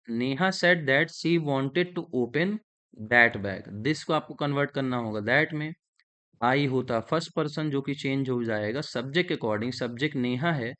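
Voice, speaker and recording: A man with an Indian accent teaching an English grammar lesson in Hindi, slowly dictating sentences and explaining each step. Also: mid-range voice, a bit bright.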